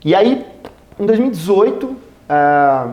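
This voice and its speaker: Brazilian guy, podcast guest, slangy and animated, acts out dialogue, slightly high voice. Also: a little slow, lo-fi sound. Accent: Brazilian Portuguese. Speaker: guest, company executive. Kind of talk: casual storytelling interview.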